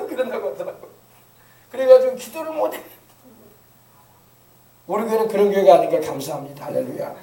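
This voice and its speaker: A high-pitched middle-aged male pastor delivers a sermon in a folksy, joking manner, slipping into impressions of grumbling elders. He sounds a little distant from the microphone. The church room around him rings with echo. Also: big pitch swings, brisk, long pauses, dark tone. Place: church sanctuary.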